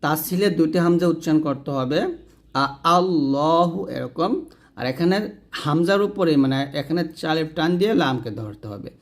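A man teaching the rules of Quran recitation step by step, speaking to viewers and slowly drawing out the example words. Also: on the high side, expressive, a little mellow. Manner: addresses viewers directly, pointing at the page. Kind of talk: tajweed lesson, explaining rules.

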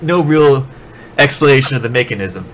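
A man's voice: mid-range voice, lively intonation, normal speed, slight background noise. A man commentating a video game in casual banter, sarcastic and crude, swearing often. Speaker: gameplay commentator. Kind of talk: casual let's play banter.

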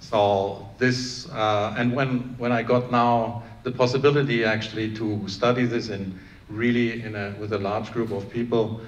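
A man's voice: on the low side, fairly even intonation, unhurried. A middle-aged man from Iran who grew up in Germany, a plant scientist answering on a panel, earnest and often restarting his sentences, on a handheld mic in a conference room. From Iran, raised in Germany. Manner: earnest, many restarts and fillers. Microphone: handheld microphone. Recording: echoey room, faint room noise.

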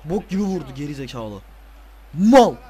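A tired man playing a football video game, casually commenting, swearing and ranting at the players with excitable outbursts. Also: a little high, moderate pace. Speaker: gaming video creator.

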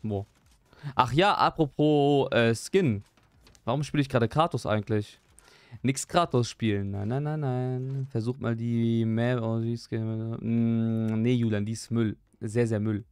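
A young man chatting live while he plays a game, excitable, repeating his exclamations and joking at his own expense. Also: medium pitch, unhurried, clear, resonant tone, no echo. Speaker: gaming streamer. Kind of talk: live gameplay stream chat.

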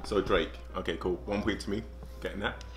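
A man's voice: low-pitched, steady tone, a little fast, music in the background. A man in his thirties with a British accent, chatting casually and bantering in a challenge video. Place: small bright room at home.

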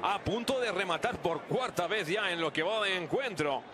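A man doing live football play-by-play, excitable and surging into drawn-out shouts at goals. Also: high voice. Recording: very noisy outdoor stadium ambience.

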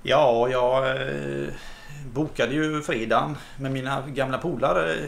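A man telling a crude, absurd comic monologue in a halting, deadpan way. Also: medium pitch, creaky. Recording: roomy, echoey room.

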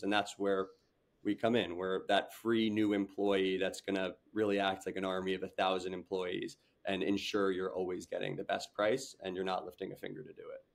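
Sitting low and gravelly, the voice belongs to a young man who founded a startup. He talks earnestly in a video call interview from his home room with a large window, often restarting and leaning on fillers.

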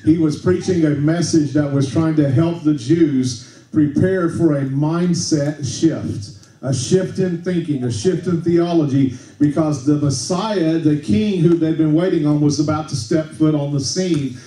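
A male pastor preaching a relaxed, conversational sermon, often checking in with the congregation and restarting his sentences. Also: a little high, unhurried. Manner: conversational, tag questions like okay, frequent restarts. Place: church sanctuary. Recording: echoey church room, mic at a distance.

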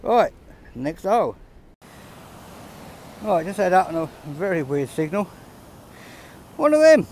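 A man's voice: high voice, big pitch swings, a little slow, pauses often, darkish tone, a little hiss or hum. A man giving casual running commentary while metal detecting on a pebble beach, chatty and understated, chuckling between finds, recorded on a handheld camera outdoors. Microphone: camera held close, filming his hands.

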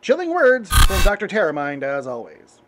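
A man's voice: high voice, huge pitch swings, moderate pace, background noise. A man doing a dry puppet news anchor. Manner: dry, matter-of-fact anchor delivery. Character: deadpan male puppet news host. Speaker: host. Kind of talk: comedic spoof news.

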